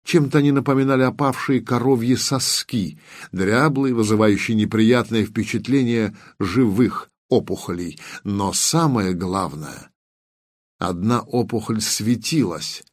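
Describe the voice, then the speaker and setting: A man narrates an audiobook at a measured pace, easing down on vivid detail. His voice sits low, and the recording is dry and close with no room sound. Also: dry recording.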